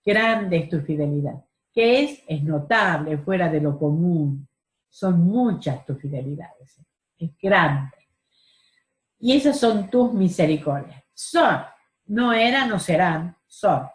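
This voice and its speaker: A woman's voice: fairly low pitch, expressive, takes it slowly, echoey room. A woman teaching a Bible study class over a video call, earnest, stressing key words and asking rhetorical questions.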